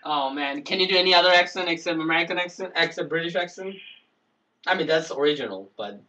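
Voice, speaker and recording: A man's voice: on the high side, quick pace, bright, forceful tone, distant mic. A man hosting a casual chat show, stammering, repeating words and giggling. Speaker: host.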